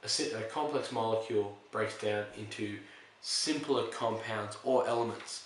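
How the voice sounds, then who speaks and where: Casting note: low-voiced male chemistry teacher, easygoing and explanatory, recorded off-mic in a very echoey room. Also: normal speed, distant mic, slight background noise. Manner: relaxed, explanatory, with fillers and self-corrections. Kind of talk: recorded lesson explaining reactions.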